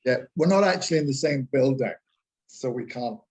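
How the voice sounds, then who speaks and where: A man's voice: mid-range voice, expressive, normal speed. A man with a Glaswegian accent in casual panel chat, reflective and repeating words as he thinks. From Glasgow, Scotland. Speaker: actor.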